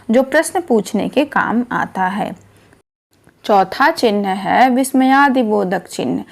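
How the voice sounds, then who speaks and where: A woman's voice: mid-range voice, vocal fry, a little mellow. A woman teaching a children's grammar lesson, explaining patiently step by step.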